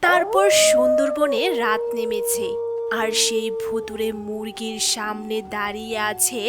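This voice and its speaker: A woman's voice: on the high side, measured pace. A woman reading scripted narration for a children's cartoon story. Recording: loud music under narration.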